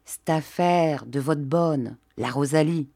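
A woman's voice: low-pitched, slow, warm tone, heavily acted. A woman voicing an awkward young peasant man who stammers and dodges questions in rustic speech. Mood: hesitant.

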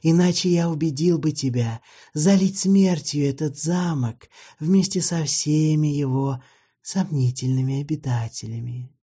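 A man doing a soft-spoken, courtly old vampire. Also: a little high, slightly rough, pitched above the performer's own voice. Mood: mournful, patient. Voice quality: soft, half-whispered, drawn-out. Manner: slow, ornate, mournfully polite. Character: ancient weary male vampire, courtly, gently ironic.

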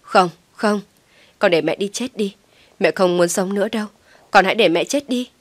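A woman voicing a desperate, tearful elderly mother who wails and pleads loudly. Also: medium pitch, normal speed, dry recording, close to an everyday voice. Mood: distraught pleading. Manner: wailing, pleading, loud.

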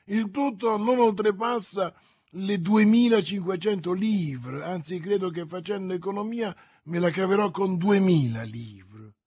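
A man's voice: high voice, measured pace, darkish tone, breathy edge, dry recording, studio quality, voice pushed up. A man voicing a hungry, boastful, sly musketeer in an audiobook reading, blustering aloud and muttering to himself.

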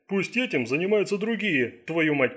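A man's voice: high voice, very animated, normal speed, a bit bright, husky, voice pushed up, heavily acted. A man voicing a lanky male FBI agent who is fed up and sarcastic, in an audiobook thriller. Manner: exasperated, mocking.

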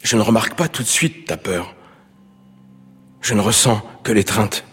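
An actor playing a quiet, sincere man calmly recounting a night, in a stage play. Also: fairly low pitch, slightly rough, long reverb tail, exaggerated voice. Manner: measured, even storytelling.

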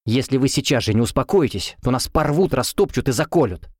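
A man's voice: medium pitch, animated, brisk, no echo, studio quality, natural voice. A man voicing a determined young female student in an audiobook, urgent and commanding.

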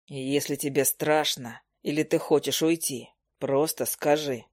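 A woman reading an audiobook voices a calm young male monster hunter in a low, slow murmur. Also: dry recording, clean studio sound. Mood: soft, reassuring.

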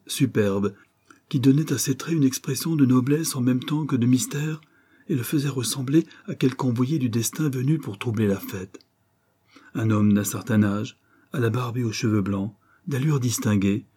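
Husky, dark-voiced male audiobook narrator. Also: on the low side. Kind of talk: reading a novel aloud.

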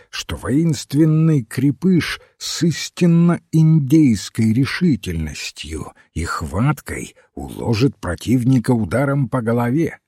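Slow, husky male audiobook narrator. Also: medium pitch, dark tone, no echo, clean studio sound. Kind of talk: scripted narration.

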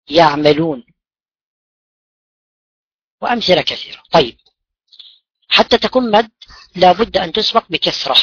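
A man's voice: a little high, fairly bright tone, slightly rough, no echo, muffled recording. A man teaching a class in a classroom-lesson style. He asks his students questions and then answers them himself. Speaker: religion teacher. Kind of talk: classroom lesson on Quran recitation rules.

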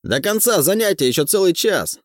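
A man voicing an excitable, loud middle-aged male teacher in an audiobook. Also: a little high, moderate pace, dry recording, studio quality, pitched above the performer's own voice, exaggerated voice. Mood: excited.

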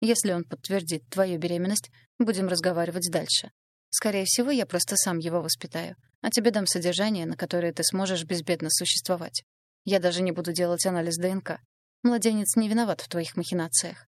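A calm, resolute man with a lowish, steady voice, as a female reader does him. The sound is dry and close to the mic. He speaks evenly and firmly. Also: fairly quick, no room sound, natural voice. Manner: calm and firm. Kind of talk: audiobook dialogue reading.

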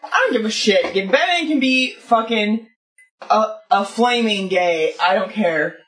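A woman co-hosting a podcast, talking loudly and emphatically with constant swearing. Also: mid-range voice, animated, measured pace, reverberant, far from the mic. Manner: loud, profane, emphatic. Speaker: podcast co-host. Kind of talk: casual drunk chat.

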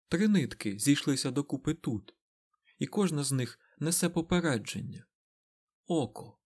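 Audiobook sorceress, quiet and commanding, slow and grave, read by a man lifting his pitch. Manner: measured, solemn, quiet. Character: commanding calm female sorceress.

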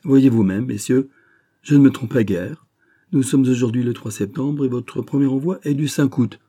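A man voicing an effusive, flattering middle-aged male bank sub-director in an audiobook reading. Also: medium pitch, normal speed, pitched above the performer's own voice, lightly acted. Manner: gushing, emphatic, flattering.

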